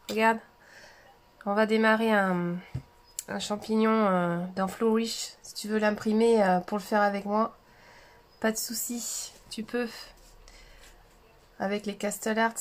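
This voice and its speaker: Slow, chatty woman coloring on a livestream. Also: on the high side. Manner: chatty, hesitant, with fillers and soft asides. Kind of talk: casual coloring tutorial livestream.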